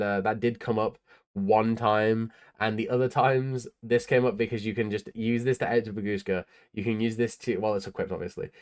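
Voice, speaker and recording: Tired man, low smooth voice. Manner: laid-back, rambling, frequent ums and uhs. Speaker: card game player presenting his tournament deck. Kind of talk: casual deck profile talk.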